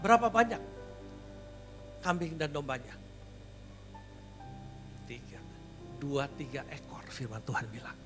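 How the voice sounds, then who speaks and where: A male pastor preaching a sermon at a church service. He tells personal stories, then builds to loud, emphatic exhortation, slipping English phrases into his preaching. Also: on the high side, sing-song, measured pace, pauses often, music in the background.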